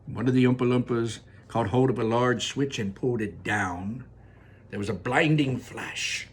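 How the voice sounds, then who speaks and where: A teacher reads a children's book aloud in a room of his home without air conditioning, then chats about it in a rambling, informal way full of fillers and restarts. His medium-pitched voice moves at a moderate pace and has a breathy edge.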